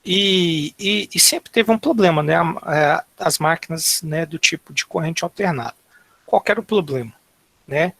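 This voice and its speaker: A man from Brazil giving an online university engineering lecture, halting and filling nearly every phrase with tags and restarts. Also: a little high, vocal fry, fairly bright tone, no room sound.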